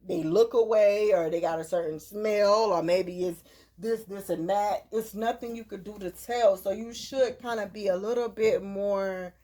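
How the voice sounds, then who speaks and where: A woman's voice: mid-range voice, a little slow, warm tone. A woman in her thirties talking casually and earnestly, giving advice in a preachy way and often repeating her words. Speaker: host.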